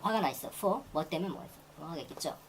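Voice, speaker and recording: A woman teaching English grammar in a lecture, repeating phrases and reading example sentences very slowly. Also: on the low side, lively intonation, slight background noise, low-quality recording. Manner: repeats phrases and restarts while explaining.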